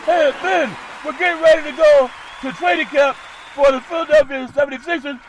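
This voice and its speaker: A man's voice: steady tone, a little fast, a little hiss or hum, poor audio. A man putting on a mock voice of a basketball coach calling a player to practice. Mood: mock-serious. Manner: high, loud mock impression. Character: gruff male basketball coach voice.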